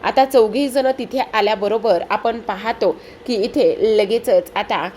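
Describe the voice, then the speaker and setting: A woman's voice: medium pitch, unhurried, a little mellow, slight background noise. A woman telling the story of a TV serial episode in a casual spoken way, with frequent fillers. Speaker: narrator recapping a TV serial episode.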